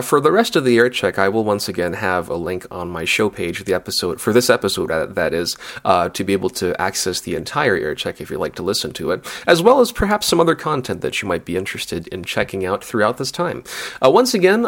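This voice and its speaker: A man's voice: lowish voice, fairly bright tone, no echo. A man hosting a community radio show, chatting casually with a co-host and introducing songs, rambling with many fillers.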